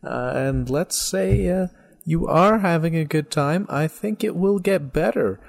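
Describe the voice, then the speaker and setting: A man's voice: on the high side, measured pace, vocal fry. A man hosting a radio variety show, giving rambling, chatty introductions.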